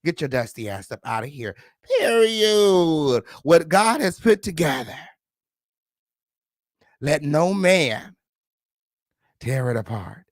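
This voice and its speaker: A man hosting a celebrity gossip livestream, sassy and flamboyant, full of loud catchphrases, profanity and high, squealing laughs. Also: very animated, takes it slowly, pauses often, dry recording, clean studio sound. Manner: frequent high-pitched laughing outbursts. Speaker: gossip show host. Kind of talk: casual livestream commentary.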